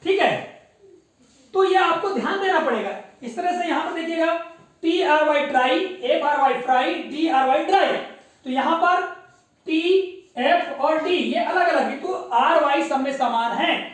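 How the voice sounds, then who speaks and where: A woman teacher runs a classroom spelling lesson, spelling words letter by letter and quizzing her pupils. Her voice sits high and her pace is measured. The room is very echoey and the mic is far away.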